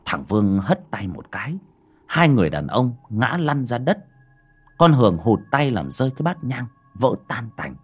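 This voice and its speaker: A man's voice: medium pitch, sing-song, normal speed, slightly rough, soft background music. A man narrating a horror story in a dramatic storytelling manner.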